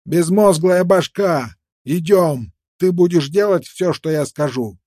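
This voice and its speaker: A man's voice: sits high, slow pace, a little mellow, dry recording, clean studio sound, voice pushed up. A man voicing a menacing, contemptuous young frontiersman with a knife, snarling threats in an audiobook. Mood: threatening.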